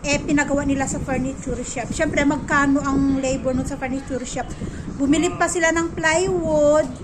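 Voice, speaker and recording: High-voiced chatty woman, noisy home recording. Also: steady tone, normal speed. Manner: rambling, gossipy, repeats herself. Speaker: vlogger. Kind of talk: casual chatty storytelling.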